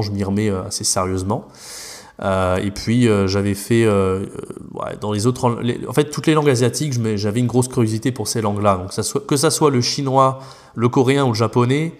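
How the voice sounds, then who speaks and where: A French language teacher with a lowish voice talks casually as a podcast guest, rambling with lots of fillers and restarts.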